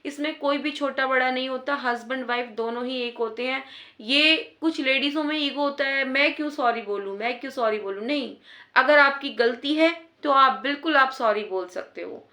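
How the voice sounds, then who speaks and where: A woman's voice: sits high, normal speed, pushed and bright, reverberant. A woman giving earnest, repetitive advice in a casual talk to wives. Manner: earnest, repeats points for emphasis. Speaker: advice vlogger.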